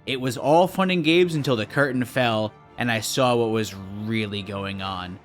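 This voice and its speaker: Faint music plays under a man's scripted game-video narration, delivered with dry sarcasm and mock suspicion. His pitch is medium and his pace moderate.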